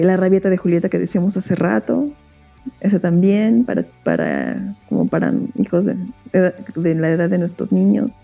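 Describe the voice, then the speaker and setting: Appearing as a podcast guest, this Mexican expert on children's reading talks casually about kids' books in an interview, bringing the stories to life by performing their characters. Her voice sits fairly low and sounds creaky, with no echo in the recording.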